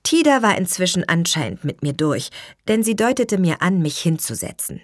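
A woman's voice: on the low side, very animated, moderate pace, no room sound, clean studio sound. A woman narrating an audiobook in the first person, telling the story vividly and voicing the dialogue.

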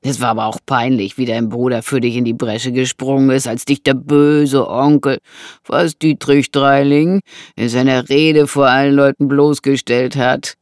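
An audiobook narrator voicing a menacing man with a knife, who taunts slowly and mockingly. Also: medium pitch, level tone, no room sound, studio quality, lightly acted. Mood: taunting. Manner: slow, taunting, drawn-out delivery.

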